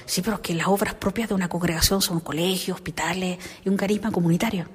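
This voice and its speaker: A middle-aged woman and consecrated singer, telling her life story in an interview with lively storytelling and soft whispered asides. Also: lowish voice, fast, husky, long reverb tail.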